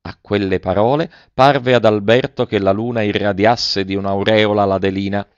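A man reading a classic novel aloud in measured, tender storytelling narration. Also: on the low side, fairly even intonation, clear, resonant tone, no echo, muffled recording. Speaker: audiobook narrator. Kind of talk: literary audiobook narration.

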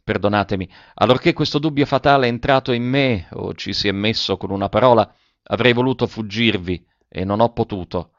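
A man's voice: fairly low pitch, a little fast, no room sound, dull audio, lightly acted. A man voicing an anxious young lover in a read-aloud novel, pleading urgently with a trembling voice.

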